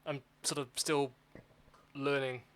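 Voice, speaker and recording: A man's voice: mid-range voice, flat delivery, takes it slowly, fairly bright tone. A man hosting a casual game livestream, chatting with viewers in an exclamatory way. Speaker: livestream gamer and host. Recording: clearly noisy livestream microphone. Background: game sounds and background noise.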